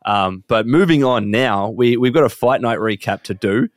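A man's voice: mid-range voice, normal speed, no room sound, clean studio sound. A man hosting a casual podcast, upbeat and leading the talk with questions. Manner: upbeat, asks guest questions. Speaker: podcast host.

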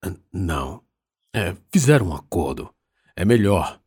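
A man voicing a middle-aged judge in an audiobook, hesitant and halting. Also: low-pitched, sing-song, a little mellow, slightly rough, no room sound, clean studio sound, full character voice. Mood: evasive. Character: middle-aged male judge, evasive and anguished.

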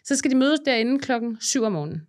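Lively young woman telling stories. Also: on the high side. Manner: lively storytelling, acting out quotes. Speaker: podcast guest. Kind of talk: casual podcast chat.

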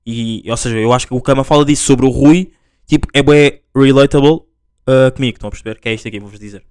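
A man's voice: medium pitch, fast talker, a little mellow, clean tone, dry recording, studio quality. A young man with a European Portuguese accent hosting a casual solo podcast, rambling along with lots of filler words and restarts. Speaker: podcast host.

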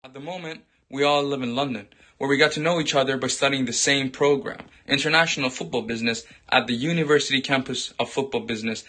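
A man's voice: medium pitch, fast, few pauses, bright, forceful tone. A young man reading a scripted introduction as a podcast host. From partly raised in Sweden. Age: young adult.

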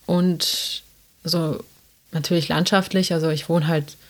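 A young adult woman co-hosts a podcast with casual, rambling talk and lots of fillers, speaking in a South Tyrolean German accent from her home in South Tyrol, Italy. Her voice sits low with fairly even intonation and a slightly slow pace.

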